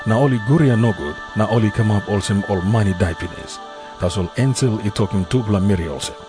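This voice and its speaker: A man with a lowish voice and a Papua New Guinean accent narrates scripture in Papua New Guinea pidgin. It is a scripted Bible reading, with music clearly playing behind him. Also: fast talker.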